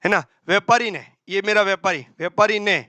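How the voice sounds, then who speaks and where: Guy teaching accounting exam prep, high bright voice, slight flavour, quick and brisk, keeps voicing the students' questions. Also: no room sound.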